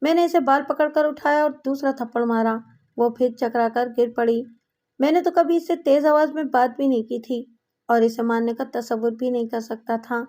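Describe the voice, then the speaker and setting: Woman narrator, high voice, dramatic crime story audiobook reading. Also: fairly even intonation, dark tone.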